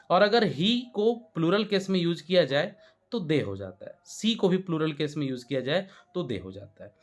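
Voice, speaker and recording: An Indian-accented man gives an English grammar lesson. His voice sits somewhat high. He explains step by step and keeps checking whether the students have understood. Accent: Indian Hindi-speaking. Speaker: English teacher. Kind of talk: classroom-style grammar lesson.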